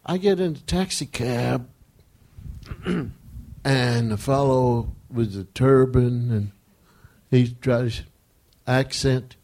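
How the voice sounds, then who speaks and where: An older man talking in a slow, rambling, storytelling way, often chuckling between thoughts as an interview guest. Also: mid-range voice, darkish tone. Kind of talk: casual storytelling conversation.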